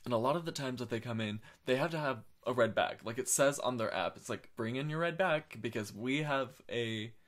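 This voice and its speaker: A man's voice: mid-range voice, fairly quick, hardly any pauses, a bit bright. A young man co-hosting a podcast, talking in a laid-back way, swearing freely and doing mock-sweet impressions of himself at work. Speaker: podcast co-host. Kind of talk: casual chat.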